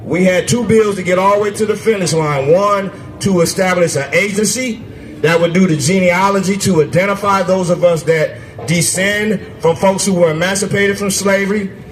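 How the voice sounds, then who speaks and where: A man running for office giving a conversational, forceful stump speech to a crowd at an outdoor festival. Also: high-pitched, moderate pace, slight background noise, rough recording. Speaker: candidate for state assembly. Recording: music playing behind the speaker.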